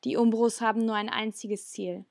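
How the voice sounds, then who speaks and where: A woman's voice: on the high side, little pitch movement, moderate pace, vocal fry, a little mellow, no echo, studio quality. A woman voicing a grave alien elder woman explaining a danger in a storybook reading.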